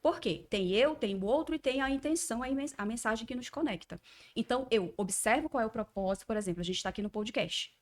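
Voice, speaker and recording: A woman's voice: fairly high pitch, lively intonation, fast. A woman guest on a podcast, a communication mentor speaking fluently and explaining ideas at length.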